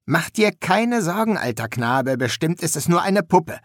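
A man's voice: fairly high pitch, big pitch swings, unhurried, no echo, clean studio sound, pitched above the performer's own voice. A man doing a chipper young assassin. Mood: cheerful. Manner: breezy, upbeat, chummy. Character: cheerful young male assassin graduate.

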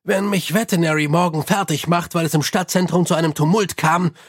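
A man voicing a gruff, weary middle-aged police commander who talks in a dry, blunt and grumbling way. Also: a little high, fairly even intonation, fairly quick, lightly acted. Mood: commanding.

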